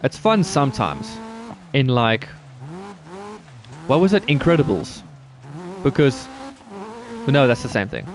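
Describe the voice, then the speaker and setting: A gaming streamer chats casually with viewers while playing a driving game, loose and rambling and now and then swearing. His medium-pitched voice sits over loud rally car engine noise and game sounds.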